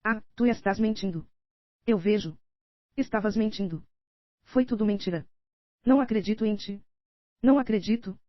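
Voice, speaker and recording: A Brazilian woman voicing a frightened, desperate young woman in an audiobook, in her own steady reading voice, dry and a little dull. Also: medium pitch, moderate pace, pauses often, dry recording, natural voice. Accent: Brazilian Portuguese.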